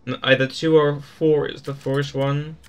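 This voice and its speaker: A man's voice: a little high, little pitch movement, a little slow, clean tone. A man giving casual gameplay commentary, thinking aloud in an easygoing way as he explores a game. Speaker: gaming YouTuber.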